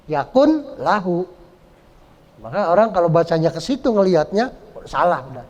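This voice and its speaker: A man teaching Quran recitation rules, explaining patiently, repeating words and chanting verses slowly. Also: a little high, expressive, darkish tone. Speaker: Islamic teacher. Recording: dull lo-fi sound.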